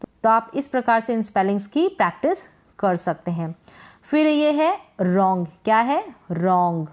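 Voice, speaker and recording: A woman's voice: mid-range voice, very animated, moderate pace. Woman teaching pronunciation, quizzing herself. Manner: asks questions and answers them herself, repeating words. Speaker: English teacher. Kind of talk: pronunciation lesson.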